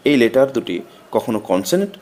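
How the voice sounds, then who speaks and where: Guy reading out a grammar lesson slow and steady, bengali first language, voice bounces up and down a lot. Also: medium pitch. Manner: slow, methodical recitation of letters and meanings. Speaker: teacher.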